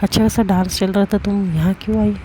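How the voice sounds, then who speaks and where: A playful, teasing young woman with a light grin in her words, voiced by a woman narrating a love story. The voice is mellow and low, with little rise and fall. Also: little pitch movement, fairly quick, a little hiss or hum, lightly acted.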